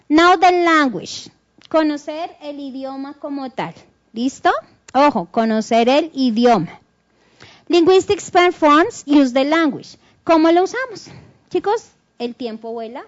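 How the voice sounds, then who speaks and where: Lady teacher w high voice, lively, flips between languages, muffled call audio. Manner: animated, switches between Spanish and English, mimics intonation. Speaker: English teacher hosting a teleclass. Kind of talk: bilingual online class.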